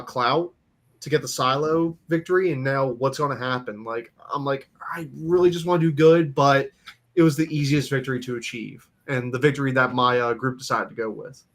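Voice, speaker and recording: A man's voice: medium pitch, normal speed, a bit bright. A man hosting a casual aftershow chat, rambling with lots of fillers and restarts. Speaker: host.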